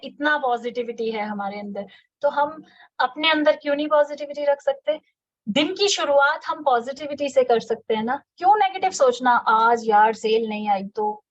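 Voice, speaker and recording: A woman giving a fast, energetic motivational sales training talk, repeating her key words. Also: high voice. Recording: slightly dull lo-fi audio.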